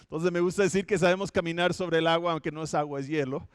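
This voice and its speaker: A man's voice: on the high side, steady tone, fast, clear, resonant tone, dry recording. A man from Minnesota, a pastor giving a conversational sermon, telling the story with light humor and frequent self-corrections. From Minnesota, United States. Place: home setup for an online church service.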